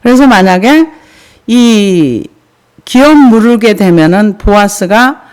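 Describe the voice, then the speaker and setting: Lively, smooth-voiced woman pastor preaching. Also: medium pitch, takes it slowly. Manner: conversational, with rhetorical questions and frequent fillers. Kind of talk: sermon.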